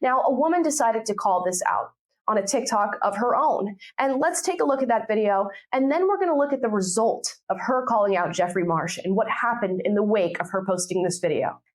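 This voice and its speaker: A woman's voice: medium pitch, animated, a little fast. A woman hosting an opinion commentary show, speaking assertively and emphatically. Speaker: host.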